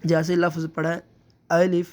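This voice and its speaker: A man teaching Quran recitation step by step, patiently explaining and drawing out letter sounds slowly. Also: high-pitched, steady tone, darkish tone.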